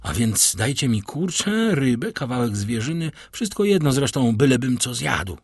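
A man's voice: medium pitch, very animated, normal speed, slightly rough, no room sound, studio quality. A man voicing a proud, hungry male banker held captive, who talks in a wheedling yet haughty way.

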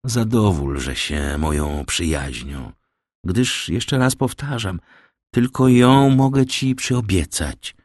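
A man's voice: lowish voice, animated, takes it slowly, darkish tone, no echo, clean studio sound. A man voicing a poor young village woman, firm and earnest as she turns down a suitor.

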